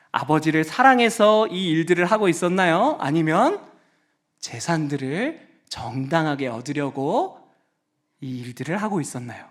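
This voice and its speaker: A man preaching to children and youth, lively and playful, asking questions and getting listeners to raise their hands. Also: on the high side. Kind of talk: children's sermon.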